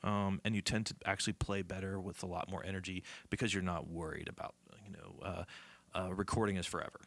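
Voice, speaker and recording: A man's voice: low voice, fairly even intonation, quick pace, creaky, a bit bright. A male musician from the southern United States, telling rambling stories with lots of fillers. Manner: rambling, many fillers, acts out voices. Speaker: musician guest. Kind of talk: casual storytelling.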